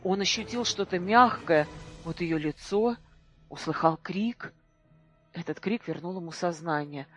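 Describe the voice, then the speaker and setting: Audiobook narrator, measured and dramatic, mid pitch, faint music bed. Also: a bit bright. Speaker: audiobook reader.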